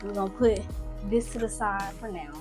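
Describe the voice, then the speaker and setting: A woman's voice: mid-range voice, moderate pace, loud music behind the voice. Tired, chatty woman cooking at home. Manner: rambling, chatty, talks straight to viewers. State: tired, yawning. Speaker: cooking vlogger. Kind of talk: casual cooking chat. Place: home kitchen. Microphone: camera close by.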